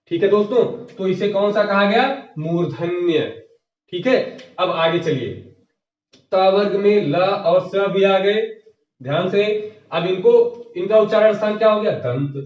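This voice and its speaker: A man teaching an exam-prep grammar lesson, asking the class questions and answering them himself, often repeating the key terms. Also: sits high. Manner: repeats key terms, addressing viewers as friends. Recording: echoey, distant, dull lo-fi room sound.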